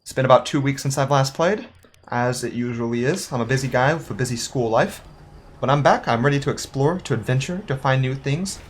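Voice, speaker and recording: A young man, a student, chatting casually through a game playthrough, reading in-game notes aloud and thinking out loud. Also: medium pitch, brisk, slight background noise. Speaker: gaming YouTuber. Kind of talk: casual let's-play commentary.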